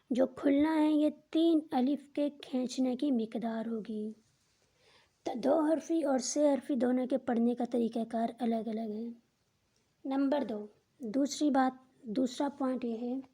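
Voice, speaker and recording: Woman, recitation teacher, patient step-by-step lesson, drawn-out letter sounds, high pitch. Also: dark tone. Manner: slow and deliberate, drawing out letter sounds as examples; patient, explains each rule twice in simpler words.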